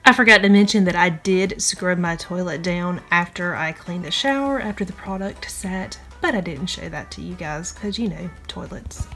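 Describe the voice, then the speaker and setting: Chatty woman with a gravelly edge. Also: on the low side, normal speed, hardly any pauses. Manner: chatty, step-by-step explaining. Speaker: cleaning vlogger. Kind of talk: casual voice-over narration. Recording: soft background music.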